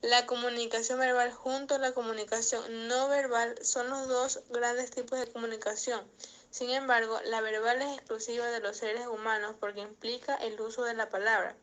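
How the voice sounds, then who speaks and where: A young woman, a student, reading a class presentation aloud in a steady, formal way. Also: a little high, moderate pace. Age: young adult.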